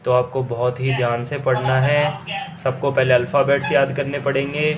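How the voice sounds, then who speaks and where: A man's voice: medium pitch, flat delivery, normal speed, crowd noise. A man teaching a language lesson to students, patient and repetitive, stretching out key words. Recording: echoey room with faint ambience.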